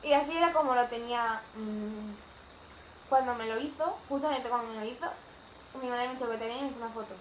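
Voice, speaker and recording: Teen Spanish vlogger, rambling storyteller, high voice, roomy echo. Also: female voice, fast, slight background noise. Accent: Spanish from Spain. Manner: chatty, rambling with fillers. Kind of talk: casual storytime. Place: home living room.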